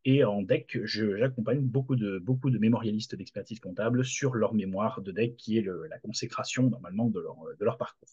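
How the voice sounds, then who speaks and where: Middle-aged guy teacher launching his channel, lots of uhs, kinda husky, dull video call sound. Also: fairly low pitch, fairly quick, few pauses, warm tone. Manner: hesitant, many fillers and restarts. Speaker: university lecturer launching a channel. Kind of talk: casual spoken channel introduction. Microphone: video call recording.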